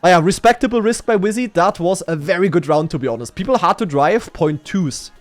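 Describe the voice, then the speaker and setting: A man casts a live racing esports match. He jokes around with the chat and jumps up in pitch when the action gets close, over a high-pitched everyday voice. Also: brisk, no echo, faint music behind. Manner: excitable, jokey, rises to shouts on big moments. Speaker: esports commentator.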